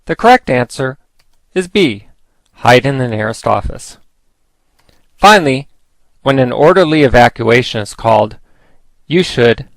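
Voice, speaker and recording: A man narrates scripted training material in a formal, instructive manner. The recording is close and dry, and his pitch sits in the middle for a man. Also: creaky, no echo, rough recording.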